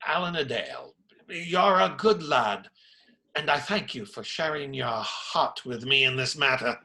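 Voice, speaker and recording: An actor playing a kindly, proper medieval friar in a radio play, measured, pious and a little fussy. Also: male voice, medium pitch, expressive, background noise. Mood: fatherly. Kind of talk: theatrical radio play acting.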